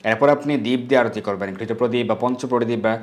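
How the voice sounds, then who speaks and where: Man, religious teacher, measured instructional talk, slow careful mantra recitation, mid-pitched voice.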